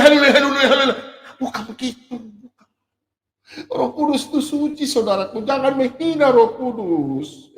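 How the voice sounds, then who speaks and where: A middle-aged man from Sulawesi delivers a sermon in a high, animated voice, swinging between loud emphatic points and soft asides. His pitch leaps around constantly. The recording is roomy, with a long hall reverb behind him. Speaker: pastor.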